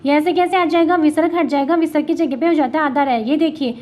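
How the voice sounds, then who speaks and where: A woman's voice: high-pitched, fairly even intonation, fast, darkish tone. A woman teaching Hindi grammar with a Rajasthani accent, asking and answering her own questions and spelling letters out one by one. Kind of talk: classroom lesson.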